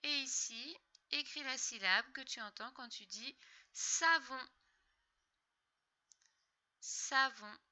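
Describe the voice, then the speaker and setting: A woman teacher giving a slow, patient, step-by-step reading lesson to young children. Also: high-pitched, bright, forceful tone.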